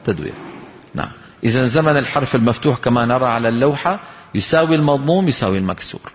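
A man's voice: mid-range voice, expressive, very fast. A man teaches Quran recitation, explaining rules and quizzing his listeners. He breaks into short chanted examples now and then. His voice carries a long reverb, as if in a big hall. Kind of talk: tajweed lesson with recited examples.

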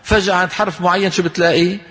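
A man's voice: sits high, fairly even intonation, rapid-fire, a bit bright. Man teaching recitation in a hall. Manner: explains then asks the class questions, chants short examples. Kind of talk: tajweed lesson with recited examples. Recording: long hall reverb.

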